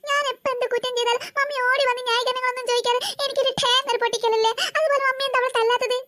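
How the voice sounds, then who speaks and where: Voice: very high voice, level tone, very fast, sharp tone. A performer voicing a sulky older sister in a cartoon, a girl who whines and complains to her mother. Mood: whining. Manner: whining, complaining.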